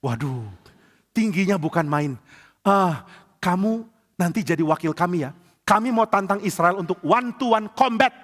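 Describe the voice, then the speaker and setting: A man's voice: high-pitched, lively intonation, normal speed, long reverb tail. Man doing a scheming, eager king.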